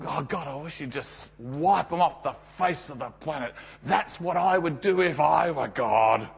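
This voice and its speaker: Aussie guy doing a cranky indignant bible prophet moaning at god, high swoopy voice. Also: expressive, measured pace, vocal fry, breathy edge, heavily acted. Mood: sulky. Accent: Australian. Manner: indignant, complaining, emphatic. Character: furious, petulant male prophet ranting at God. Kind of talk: sermon dramatization of a Bible story.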